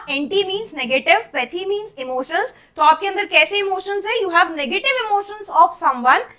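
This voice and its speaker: A woman's voice: extremely high pitch, bright, forceful tone. A woman teaching exam vocabulary, quizzing her students with questions she answers herself. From India. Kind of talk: exam-prep English vocabulary lesson.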